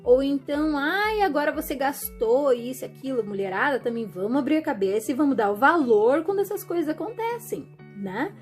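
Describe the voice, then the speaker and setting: Chatty, animated high-voiced woman. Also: brisk, few pauses, soft background music. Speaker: vlogger. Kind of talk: casual monologue to camera.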